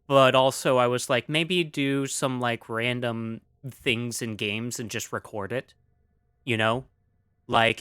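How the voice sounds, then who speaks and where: A man's voice: mid-range voice, pushed and bright, clean tone, dry recording, clean studio sound. A man streaming casually, rambling with many fillers as he reads chat aloud, still coughing after an illness.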